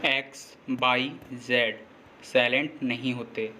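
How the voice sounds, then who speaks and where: A man teaching a lesson, slowly and patiently explaining rules and repeating them. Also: mid-range voice, flat delivery, bright, forceful tone, a little hiss or hum. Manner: slow, repetitive, patient explaining. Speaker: English teacher.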